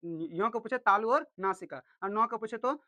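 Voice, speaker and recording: A man's voice: high-pitched, moderate pace, bright, forceful tone, no echo. A male teacher giving a grammar lesson who keeps asking questions and answering them himself, repeating the key terms. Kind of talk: grammar lesson for exam students.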